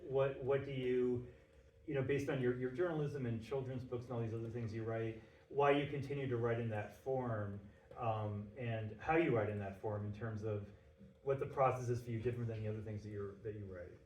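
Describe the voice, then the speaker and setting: A man's voice: medium pitch, fairly even intonation, fairly quick, darkish tone, lo-fi sound. A man moderating a playwrights' panel, asking rambling questions with many restarts. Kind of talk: panel discussion. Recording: roomy echo, far from the mic, faint noise.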